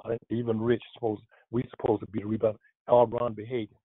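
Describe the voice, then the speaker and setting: A man in his seventies, a former pro basketball player, reminiscing in a casual interview, rambling with many restarts, with a husky voice. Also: lowish voice, level tone, quick pace, no echo. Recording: tinny phone line.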